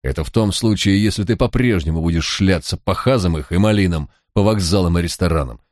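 A man's voice: low-pitched, fairly quick, darkish tone, no room sound, clean studio sound, lightly acted. A man voicing a shrewd, cocky male police detective who talks in a mocking, coaxing drawl. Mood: coaxing mockery.

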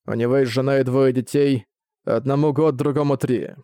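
A man's voice: mid-range voice, fairly even intonation, normal speed, warm tone, no room sound, studio quality, close to an everyday voice. A man voicing a cold, scheming older male ninja commander who speaks in a level, icy way.

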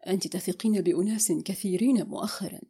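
A woman reading a calm, guarded young man's lines in an audiobook novel, in a low, even, controlled voice. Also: fast talker, husky. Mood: cool, measured. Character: calm, guarded young man, quietly bitter.

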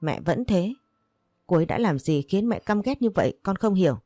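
A woman voicing a grown son who pleads softly with his mother. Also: mid-range voice, expressive, normal speed, no room sound, studio quality, lightly acted. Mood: pleading. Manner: soft, pleading.

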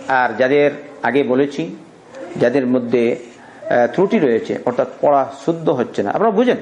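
A man teaching Quran commentary as a sermon, who recites Arabic verses slowly and keeps putting rhetorical questions to his listeners. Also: on the high side. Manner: asks the audience rhetorical questions. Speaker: Quran teacher giving tafsir.

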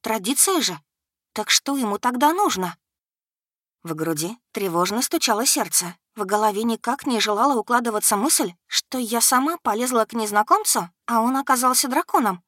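A woman narrating a first-person audiobook in an expressive, steady storytelling manner. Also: medium pitch, no room sound, clean studio sound.

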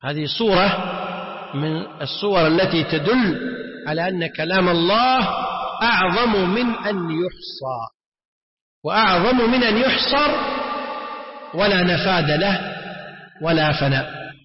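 A man's voice: high-pitched, unhurried, long pauses. A man teaching a religious lesson, often repeating words and putting rhetorical questions to his students. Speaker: Islamic scholar teaching. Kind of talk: religious lesson explaining a text. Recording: echoey hall, muffled lo-fi sound.

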